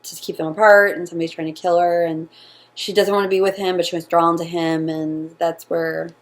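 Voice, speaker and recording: A woman's voice: fairly low pitch, level tone. A young American woman co-hosting a book review chat, talking casually with plenty of "like" fillers and firm opinions. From United States. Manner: chatty, many "like" fillers, quick opinions.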